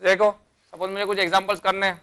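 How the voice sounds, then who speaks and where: A fast-talking man with a high-pitched, clean voice, pushed and bright, keeps a level tone as he teaches chemistry to a class. He moves step by step through the material using technical terms, answers the questions he raises himself, and calls students "beta" and "bhai."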